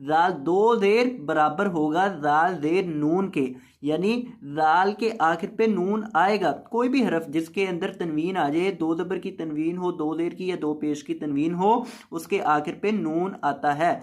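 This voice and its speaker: Slow, patient male tajweed teacher. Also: a little high. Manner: patient, explains step by step, then chants words slowly. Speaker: Quran teacher. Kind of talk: tajweed lesson with slow recitation.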